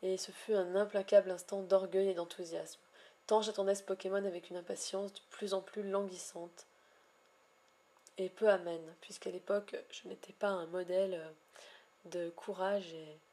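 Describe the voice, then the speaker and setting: A woman vlogging about her shiny hunts in a wordy, elaborate way, pausing often with hesitations and gushing affectionately at times. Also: fairly low pitch, little pitch movement, dark tone. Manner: ornate, wordy phrasing with frequent hesitations. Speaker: Pokémon shiny hunter vlogger. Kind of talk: casual vlog narration.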